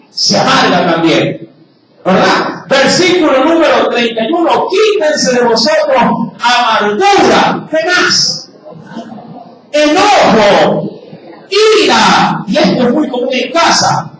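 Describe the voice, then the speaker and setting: A man preaching a sermon as pastor, loudly asking his congregation rhetorical questions. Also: very high-pitched, noisy background. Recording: very echoey hall, picked up from a distance.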